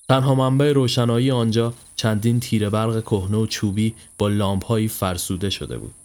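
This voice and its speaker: A man narrating a horror story in a grave, measured way. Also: fairly low pitch, darkish tone.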